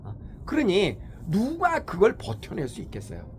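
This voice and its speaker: A man hosting a morning talk show in a casual opinion monologue, animated and rhetorical, often asking his listeners "eh?" and acting out other people's voices. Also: high voice, moderate pace, a little hiss or hum. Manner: acts out quoted voices.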